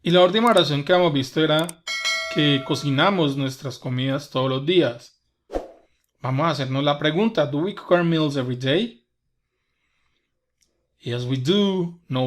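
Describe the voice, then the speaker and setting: A man whose first language is Spanish teaching an English grammar lesson, patiently repeating each example step by step. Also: fairly high pitch. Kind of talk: slow grammar lesson explanation.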